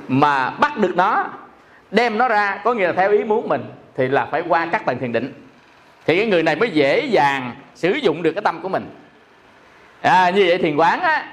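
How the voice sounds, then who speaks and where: A man with a Southern Vietnamese accent giving a Buddhist dharma talk, explaining by repeating himself and asking listeners questions. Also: sits high. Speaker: Buddhist teacher.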